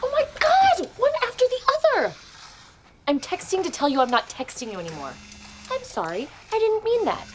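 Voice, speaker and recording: An actress in her twenties playing a high-strung, bossy, anxious young woman with a frantic manner in a sitcom. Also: huge pitch swings, brisk, slight background noise. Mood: exasperated. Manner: frantic, commanding. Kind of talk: sitcom acting.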